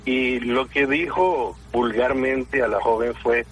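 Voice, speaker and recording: A man's voice: mid-range voice, slow, a bit bright, a little hiss or hum, rough recording. A man from Venezuela calling in to a radio show, polite and earnest as he tells a story. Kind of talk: phone-in comment.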